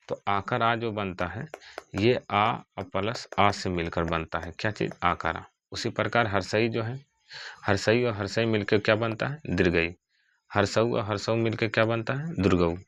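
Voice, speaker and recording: Low-voiced grammar teacher. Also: male voice, dry recording. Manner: asks questions then answers them himself, repeats "ठीक है". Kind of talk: classroom lesson with questions and answers.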